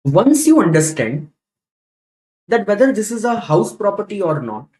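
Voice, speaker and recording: A man's voice: high voice, sing-song, moderate pace, darkish tone. A man with an Indian accent lecturing as a teacher, repeating key points and asking rhetorical questions in a didactic way. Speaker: tax teacher. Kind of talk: classroom lecture.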